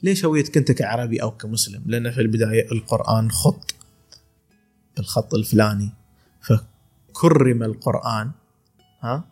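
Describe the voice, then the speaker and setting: A medium-pitched, slightly mellow yet slightly rough voice comes from an Emirati-accented calligrapher in his twenties from Khor Fakkan, UAE. He talks a little fast but pauses often, with soft music in the background. Chatting casually on a podcast, he tells stories, laughs often, and restarts his sentences.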